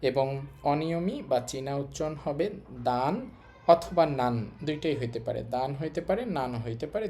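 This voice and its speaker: A teacher talks through a recorded lesson at an ordinary pitch. They break everything into small steps and go over each point more than once. Now and then they pose a question to the viewer and then answer it themselves. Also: dark tone. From Bangladesh. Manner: explains step by step, repeats key points, asks and answers own questions. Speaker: language teacher.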